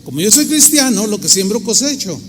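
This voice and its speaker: A man's voice: sits high, very animated, fairly quick, fairly bright tone. A man with a Mexican accent preaching a sermon as a pastor, telling stories emphatically and acting out the voices he quotes. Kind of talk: storytelling sermon. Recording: reverberant hall, faint noise.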